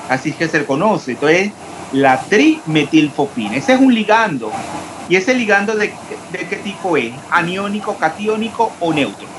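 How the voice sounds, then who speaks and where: A chemistry lecturer with a high, sing-song voice teaches an online class at a normal speed, asking his students questions and spelling out formulas step by step. There's noise in the background.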